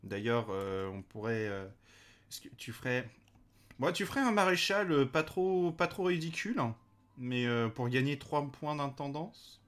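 In casual gameplay commentary, a man hosts a let's play, hesitating often, using lots of fillers, and talking straight to the game's characters. His mid-range voice is animated and a bit bright, moving at a measured pace.

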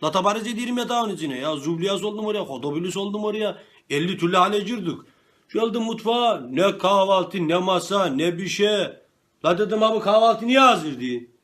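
A man grumbles and complains in rough, colloquial regional speech. His voice sits fairly high for a man. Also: fairly bright tone. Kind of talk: comedy sketch.

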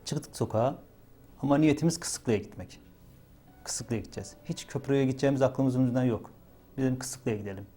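Dark-voiced man recalling a night. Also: mid-range voice, brisk. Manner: retells events with many repeated "dedim" and "böyle" fillers. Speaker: witness interviewed for a documentary. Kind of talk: emotional first-person recollection.

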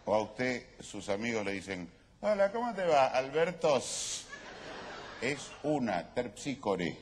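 A man's voice: medium pitch, sing-song, slow pace. Male actor: pedantic, self-important professor type, lecturing tone, noisy stage recording. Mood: pompous. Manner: pompous, lecturing. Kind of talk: live comedy sketch.

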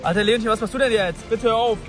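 A young man vlogging from a boat on cold water, loud and exclaiming to his viewers, freezing and shivering. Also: sits high, fast, over music. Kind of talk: excited outdoor challenge vlog.

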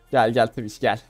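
A young man from Turkey giving casual, playful commentary on his own gameplay, laughing and talking to viewers. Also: mid-range voice. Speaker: gamer streamer.

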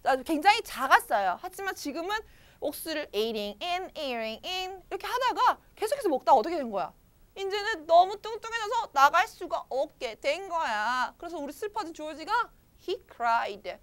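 A woman leads a children's storybook English lesson with a high, lively, sing-song voice. She keeps asking her young listeners questions as she explains. Her tone is bright and ringing.

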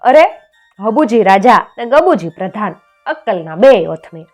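A woman narrating a folk comedy story in a lively, playful way. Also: medium pitch, a little slow, faint music behind.

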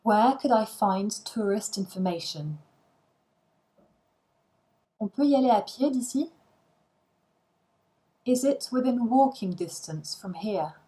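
A woman reads set phrases for a language lesson, one short line at a time, each followed by its translation. She speaks at a very slow, deliberate pace with long pauses. Her pitch sits in an ordinary middle range. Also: lively intonation, dark tone, rough recording. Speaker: language teacher.

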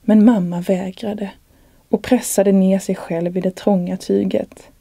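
An author reading from her own novel in a calm, measured voice. Her tone is unusually dark and mellow, at an average pitch. The recording is close and dry. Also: gravelly, breathy edge, dry recording.

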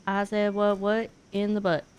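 With a mid-range, completely flat voice at a moderate pace, a young woman streams gameplay from a small home room indoors. She is a speedrunner who chats candidly, swears freely and thinks aloud into a close mic; her tone is a little mellow, with a faint hiss or hum.

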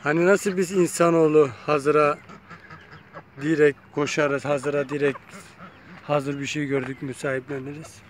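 Speaking at a normal speed with a flat delivery, a man whose voice is a little high chats casually to viewers in a vlog. He films his chickens outdoors in a yard with a phone camera, coaxing them along. Some faint hiss or hum is present.

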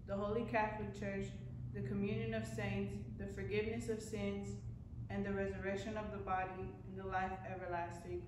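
Young woman liturgist reading prayers steady and formal, super echoey church, some hiss. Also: mid-range voice. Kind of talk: reciting liturgy. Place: church sanctuary. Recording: very echoey room with background hiss.

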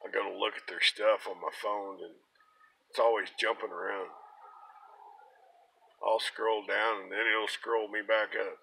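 Gravelly, folksy American man. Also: on the low side, flat delivery, a little slow, pauses often, pushed and bright, slight background noise, rough recording. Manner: folksy, plain-spoken. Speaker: pipe-smoking vlogger. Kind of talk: casual rambling chat. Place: inside a parked car. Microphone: phone at arm's length.

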